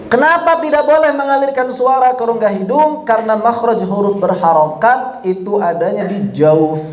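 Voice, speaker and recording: Man, tajwid teacher, high voice, unhurried, demonstrates and corrects, echoey room. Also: darkish tone. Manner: drills slow example phrases for students to repeat; corrective, explains then demonstrates. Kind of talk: Quran recitation lesson.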